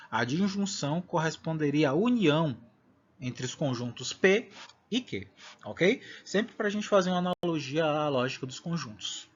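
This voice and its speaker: Husky-voiced male math teacher lecturing. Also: fairly high pitch. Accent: Brazilian Portuguese. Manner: explanatory, checks in with "né?" and "ok?". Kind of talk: recorded online lecture. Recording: dull lo-fi recording.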